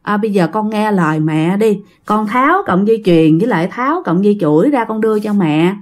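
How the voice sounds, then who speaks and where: A worried mother, voiced by a woman storyteller, gently coaxing her child. The voice stays close to the teller's own, plain and pleading. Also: medium pitch, lively intonation, a little fast, lightly acted.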